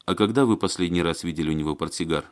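A patient man asks his questions calmly and in measured tones, as a man voices him in an audiobook. His voice sits low and even, gently probing for answers. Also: lightly acted. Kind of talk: audiobook character voice.

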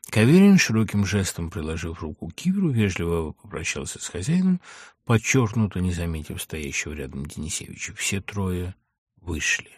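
A man narrating a novel aloud in an expressive, animated reading. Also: sits low, slightly rough, dry recording, clean studio sound.

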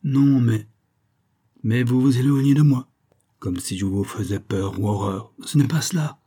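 A man voicing a pale, tormented young man in an audiobook reading, speaking in agitated, halting outbursts. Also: medium pitch, mellow, slightly rough.

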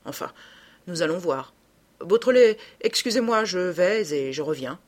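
A skeptical investigating judge, voiced by a woman in an audiobook. He speaks in a measured way. Her voice is husky and rather low. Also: lively intonation. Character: male investigating judge, middle-aged, skeptical. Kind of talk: audiobook reading.

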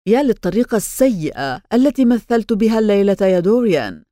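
Woman reading lovestruck young actress, pleading, mid pitch, dry sound. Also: very animated, fast talker, mellow, no room sound, lightly acted. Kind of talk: audiobook character reading.

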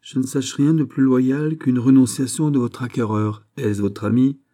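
A man's voice: medium pitch, steady tone, moderate pace, dark tone, pitched above the performer's own voice, close to an everyday voice. A man voicing a scheming nobleman in a novel reading, pressing with insistent questions.

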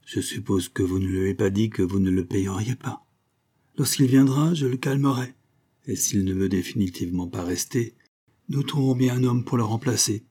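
Man voicing a steady former naval officer, calm, measured, low voice, husky. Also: close to an everyday voice.

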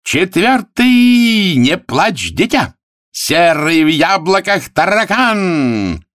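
A loud, showy barker calls out cockroach races, as a man reads him aloud from a play. His voice rides high above the reader's own and stretches every word in slow, booming cries. The sound is dry and close. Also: big pitch swings, dry recording, heavily acted. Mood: grandly announcing. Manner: grand barker's cries in mixed languages.

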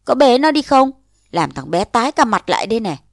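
A woman's voice: fairly high pitch, big pitch swings, a little fast, creaky, no echo, clean studio sound. A woman reading as a scolding young mother. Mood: chiding. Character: young widowed mother, scolding yet tender.

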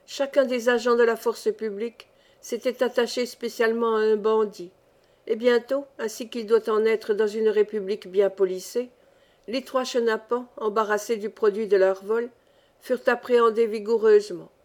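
Audiobook narrator, woman, animated storybook delivery, a bit high. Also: moderate pace. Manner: lively storytelling, varied pace. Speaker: audiobook reader. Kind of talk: scripted narration.

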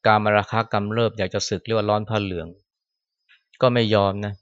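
A man's voice: on the low side, level tone, brisk. Male monk preaching informally in a temple hall; dry, muffled recording. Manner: conversational, ends phrases with a soft particle, acts out scolding quotes. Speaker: Buddhist monk giving a Dhamma talk. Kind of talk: sermon. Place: temple hall after chanting.

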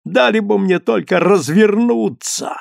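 A man voicing an eager, greedy male merchant who exclaims excitedly, in an audiobook. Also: high-pitched, unhurried, gravelly, no echo, clean studio sound, voice pushed up, exaggerated voice. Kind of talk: audiobook character reading.

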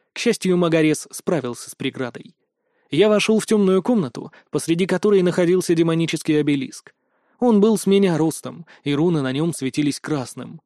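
A man narrating a fantasy audiobook in the first person, in a steady, dramatic storytelling manner. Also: on the high side, dry recording, clean studio sound.

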